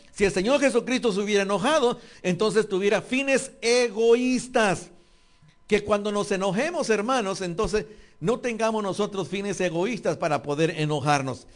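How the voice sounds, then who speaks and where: A man preaching a sermon, earnest and repetitive, speaking straight to his congregation. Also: high voice.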